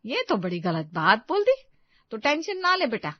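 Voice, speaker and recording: A woman's voice: on the high side, wildly swooping pitch, normal speed, dry recording, muffled recording. A woman doing a bossy, scolding mother. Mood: stern. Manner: stern, scolding tone. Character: middle-aged mother, bossy and protective.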